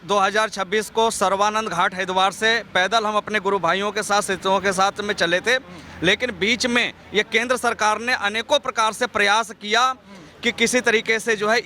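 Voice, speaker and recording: A man's voice: sits high, sharp tone, a little hiss or hum. A man, a protesting monk, speaks, accusing and impassioned. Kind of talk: street interview. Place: outdoors by a street.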